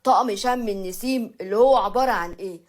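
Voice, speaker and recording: A woman's voice: medium pitch, quick pace, lightly acted. A woman voicing an exasperated young rich husband, fed up and complaining, with an Egyptian accent.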